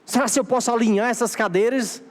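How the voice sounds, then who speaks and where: A man's voice: extremely high pitch, fast. A Brazilian Portuguese-speaking man preaching a sermon as pastor, exhorting his church in a repeating, emphatic cadence. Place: church sanctuary. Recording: long hall reverb of a church.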